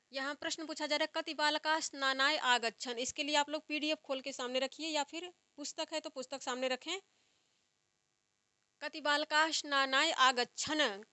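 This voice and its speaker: A young woman teaches an exam-prep grammar lesson, reciting each form slowly and going back over it. Her voice sits high and sounds bright and clear. The sound is dry and close, with no room around it. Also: no echo. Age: young adult. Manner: slow, repetitive recitation of word forms, explaining step by step. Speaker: Sanskrit teacher.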